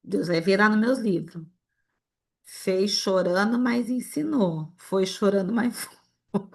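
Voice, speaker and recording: A woman's voice: mid-range voice, slow pace, vocal fry, darkish tone. A woman from Brazil teaching an informal Bible lesson to an online group. She talks straight to the group and acts out little dialogues as she goes.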